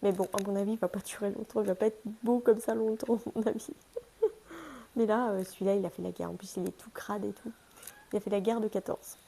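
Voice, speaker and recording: Chatty woman, mellow voice. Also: mid-range voice, steady tone, fairly quick, gravelly, husky. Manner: chatty, self-mocking, talks to her pets. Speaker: haul vlogger. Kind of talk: casual shopping haul vlog.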